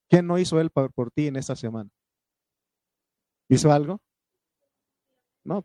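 Male preacher, warm voice in a dry room; fervent sermon delivery, calls on the congregation, reads scripture loud and slow. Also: mid-range voice, no echo. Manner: fervent, calls out questions to the congregation, punctuated with amen; reads scripture aloud in a raised, drawn-out voice.

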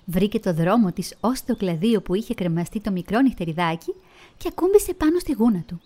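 A woman storyteller narrating a children's fairy tale in an expressive, melodic way. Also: medium pitch. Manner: expressive, melodic reading with vivid emphasis.

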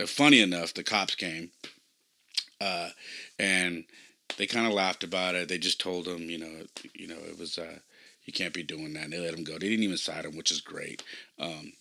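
A man's voice: low-pitched, pushed and bright. A middle-aged man hosting a podcast, telling personal stories in a rambling, conversational way that grows emphatic. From California. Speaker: podcast host. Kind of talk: personal storytelling monologue.

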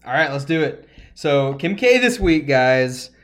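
A man's voice: mid-range voice, very animated, measured pace. A man co-hosting a casual podcast, joking, swearing freely and moving the talk from topic to topic. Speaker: podcast co-host.

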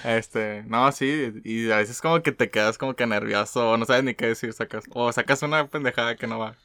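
A man's voice: medium pitch, normal speed, pushed and bright, dry recording, clean studio sound. A young man with a Mexican accent, co-hosting a casual podcast and telling stories in slangy, laughing chat. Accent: Mexican Spanish. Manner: slangy, storytelling, laughs often. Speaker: podcast co-host.

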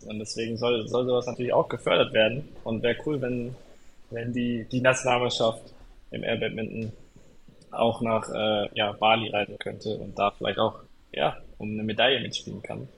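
A man's voice: mid-range voice, fairly even intonation, moderate pace, vocal fry, fairly bright tone, slight background noise, low-quality recording. A man co-hosting a podcast in casual chat, talking in a rambling, hesitant way with many restarts. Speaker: podcast co-host.

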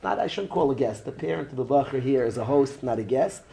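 A man's voice: medium pitch, fast talker, creaky, slight background noise. A man, teaching an informal Torah class and joking students he calls by name. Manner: animated, joking, talks straight to students by name. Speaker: rabbi teaching a yeshiva class.

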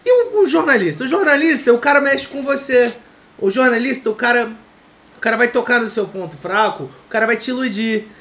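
A man co-hosting a casual podcast, an animated storyteller who mimics others in banter. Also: very high-pitched, fairly quick. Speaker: podcast co-host.

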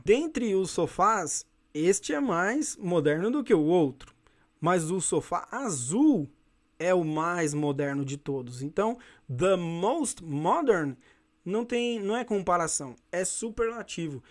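Brazilian guy teaching english, kinda high voice, chill, keeps asking beleza? né?, reads example sentences real slow. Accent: Brazilian Portuguese. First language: Portuguese. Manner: friendly, checks in with "beleza?" and "né?". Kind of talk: casual explanatory lesson.

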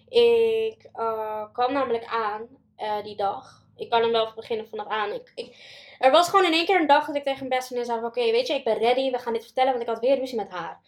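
A young woman telling her own story in an interview, pausing often and full of fillers. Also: fairly high pitch, darkish tone. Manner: halting, many pauses and fillers, quoting others. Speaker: guest. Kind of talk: personal testimony in an interview.

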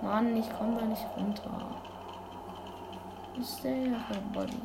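Excitable woman doing gameplay commentary. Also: on the high side, slow, gravelly. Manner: excitable, youthful slang, sudden loud exclamations. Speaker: let's play gamer. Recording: constant background noise.

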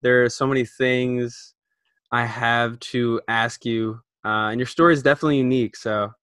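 A man's voice: medium pitch, steady tone, moderate pace, fairly bright tone, clear, resonant tone, no echo. Male podcast host, upbeat and casual, frequent false starts, dry room.

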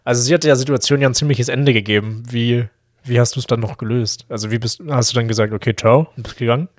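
A man's voice: mid-range voice, steady tone, fast, no room sound, studio quality. Young man asking teasing questions. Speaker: podcast co-host. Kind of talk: casual chat.

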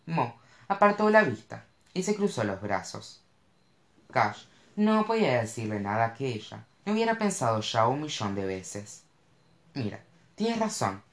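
A man narrating a novel in an expressive, animated reading style. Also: mid-range voice, moderate pace. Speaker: audiobook narrator. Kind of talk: scripted narration. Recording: roomy echo.

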